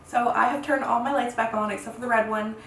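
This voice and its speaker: A woman in her thirties giving a casual, rambling tutorial at home, chatty and quick to laugh. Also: a little high, steady tone, fairly bright tone. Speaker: content creator teaching lighting. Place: home room set. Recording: echoey room, distant mic, faint hiss.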